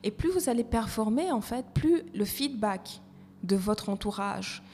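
Speaking unhurriedly with lively intonation, this fairly high-pitched woman has a darkish tone and talks thoughtfully as an evaluation coach guesting on a conversational podcast, frequently restarting her phrases. The room is reverberant, with a little noise underneath.

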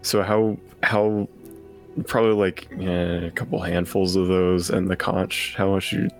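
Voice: low-pitched, unhurried, soft background music. A player in a tabletop game, talking casually with restarts and laughter. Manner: lively, hesitant, restarts and laughs. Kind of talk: casual tabletop role-play.

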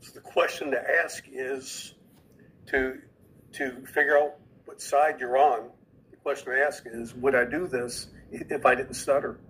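A man's voice: mid-range voice, level tone, measured pace, fairly bright tone, breathy edge, low-quality recording. A man who is a podcast guest, earnestly explaining an idea and often repeating words as he goes.

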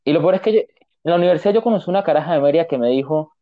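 A man's voice: fairly high pitch, rapid-fire. A young man from Táchira with an Andean Venezuelan accent, telling crude stories in casual banter and acting out the dialogue. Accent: Venezuelan Andean (gocho). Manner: animated storyteller acting out dialogue. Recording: slightly dull lo-fi audio.

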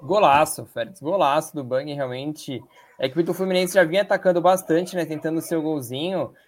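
Chatty Brazilian male football analyst, highish voice. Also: a little fast. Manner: chatty, agreeing, repeats tag questions. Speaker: match analyst co-commentator. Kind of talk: casual live football analysis. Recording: faint background noise.

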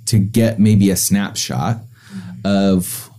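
A deep-voiced American man with a warm, mellow tone hosts a podcast. He talks conversationally and picks his words with some thoughtful hesitation. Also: fairly even intonation, slow pace. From rural Indiana, USA. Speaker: podcast host, communication professor.

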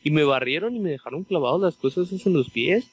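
A man's voice: a little high, lively intonation, quick pace, husky, dull audio. A Mexican man in a casual chat who answers with short reactions and laughs along. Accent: Mexican Spanish.

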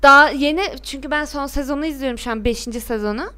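A young woman in animated casual chat about a TV series, giving blunt, emphatic opinions. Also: sits high, quick pace.

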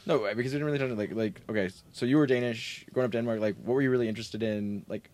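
A young man from New York co-hosts a casual interview, firing off eager questions. He talks fast in a fairly low voice. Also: a little mellow. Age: young adult.

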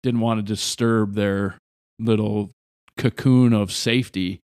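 A man who hosts a podcast and used to teach, talking in a loud, direct and sarcastic way. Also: fairly low pitch, fairly even intonation, measured pace, clear, resonant tone, no echo, clean studio sound. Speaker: podcast host, former teacher. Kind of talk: casual conversation.

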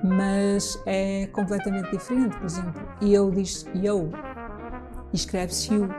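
A jazz singer from Trás-os-Montes in Portugal, answering interview questions in a casual, halting way with many restarts. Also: female voice, mid-range voice, flat delivery, music in the background.

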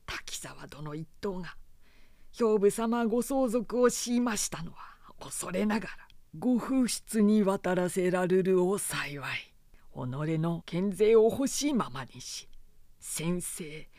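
A man's voice: sits high, lively intonation, slow pace, a little mellow, no echo, clean studio sound, exaggerated voice. A reader voicing a loyal samurai retainer, a man who speaks formally and deferentially yet presses his lord hard. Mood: earnest pressing.

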